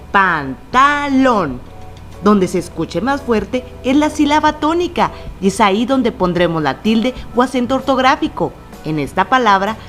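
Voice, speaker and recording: Woman teacher, lively pitch, scripted kids' lesson, stretches example words.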